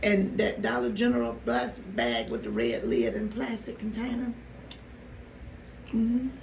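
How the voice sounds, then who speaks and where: A woman vlogger telling a story casually to her viewers, animated and exasperated, with rhetorical questions. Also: fairly high pitch, measured pace, gravelly. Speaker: mukbang vlogger. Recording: roomy, noisy, distant microphone.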